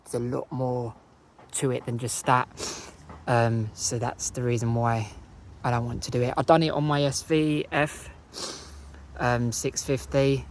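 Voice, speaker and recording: A man with an Essex accent casually talking through motorcycle maintenance outdoors, relaxed and rambling with fillers and self-corrections. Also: medium pitch, unhurried, a little hiss or hum. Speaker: motorcycle vlogger. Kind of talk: casual how-to narration. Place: outdoors beside a parked motorcycle.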